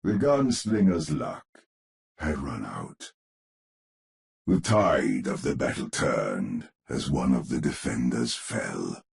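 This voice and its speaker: A grave gothic storyteller with a very deep, creaky, darkish voice narrates a horror tale for a game. His delivery is heavily acted, with measured, theatrical menace, and his pitch swoops dramatically through each phrase.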